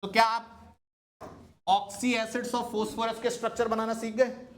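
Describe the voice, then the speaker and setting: A man's voice: extremely high pitch, little pitch movement, slow pace. A man teaching a chemistry class, constantly asking his students questions and coaxing them to answer. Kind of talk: classroom lecture.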